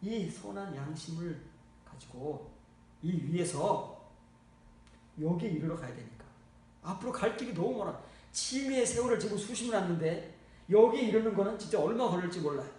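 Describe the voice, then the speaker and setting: A man preaching a sermon as pastor, blunt and scolding, swinging from low murmurs to loud exclaims. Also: normal speed, long pauses. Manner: lively, shifts from low muttering to loud exclaiming. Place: church. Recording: echoey church hall, mic far off.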